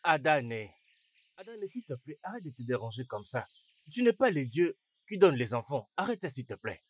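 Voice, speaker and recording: A man's voice: fairly high pitch, big pitch swings, moderate pace, dry recording, highs cut off. A man voicing a stern younger brother in a French film dub, speaking in a firm, admonishing way. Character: younger brother, stern and protective of his sister.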